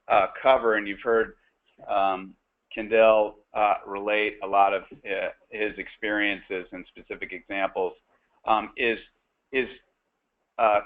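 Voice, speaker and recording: Male webinar host, low voice, halting delivery full of fillers, phone-line sound. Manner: halting, many fillers and restarts. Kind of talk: webinar panel discussion. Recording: tinny phone-line audio.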